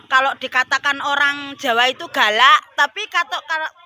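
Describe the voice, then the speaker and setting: A woman's voice: high voice, moderate pace, bright, forceful tone. An older woman, a vegetable seller telling her life story in an interview, earnest and polite, tagging "sir" onto her phrases. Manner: earnest, addresses interviewer as Pak after each phrase. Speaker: vegetable seller and former sinden. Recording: faint background noise.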